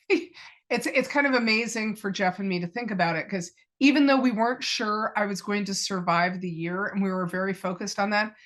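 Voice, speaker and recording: A woman's voice: medium pitch, fairly bright tone. A middle-aged woman, a podcast guest, earnestly telling a personal story and retelling past conversations as quoted dialogue.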